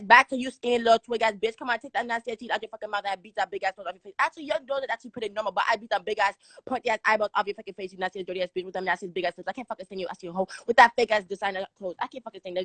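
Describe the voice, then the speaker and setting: A young woman calling in to a livestream, roasting the hosts in a rapid-fire, profane, mocking rant. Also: mid-range voice, fairly bright tone, no echo. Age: young adult. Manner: rapid-fire crude insults, aggressive and mocking. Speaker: caller on a livestream.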